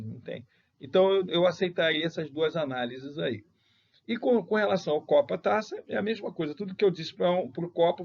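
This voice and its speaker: A man's voice: a little high, vocal fry, husky. A Brazilian man teaching a grammar lesson as he corrects exercises, emphatic, and often mimicking students' objections before he rebuts them. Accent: Brazilian Portuguese. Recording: dull lo-fi lecture recording.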